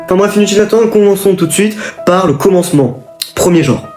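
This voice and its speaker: A man's voice: high-pitched, quick pace. Rambling, improvising young-sounding man. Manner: rambling, with fillers and self-corrections. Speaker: video host. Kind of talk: improvised film-genre video. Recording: echoey room with music behind.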